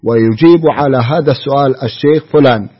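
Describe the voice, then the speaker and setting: Radio host guy reading out a listener question, formal and steady, husky, lo-fi sound. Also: medium pitch, quick pace. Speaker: radio program presenter. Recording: dull lo-fi radio recording.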